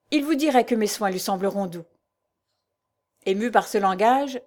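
A woman narrating a novel aloud in a measured, literary reading style. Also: mid-range voice, darkish tone. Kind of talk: audiobook narration.

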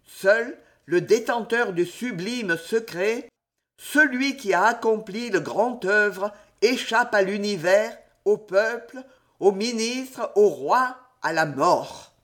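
A man's voice: animated, slow, a bit bright. A man reading a historical novel aloud as an audiobook, with theatrical delivery that he shifts for each character's dialogue. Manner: theatrical, sweeping pitch for dialogue. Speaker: audiobook reader. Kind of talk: expressive audiobook narration.

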